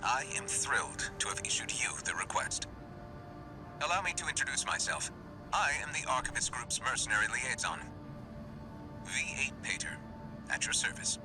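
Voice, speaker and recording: A courteous mercenary liaison in a video game, his words coming through as a played-back voicemail. He speaks formally and evenly, at a middle pitch. Loud game music plays underneath the message. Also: very animated, moderate pace, pauses often, low-quality recording. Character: polite male mercenary liaison, smooth and courteous. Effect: recorded voicemail message played back.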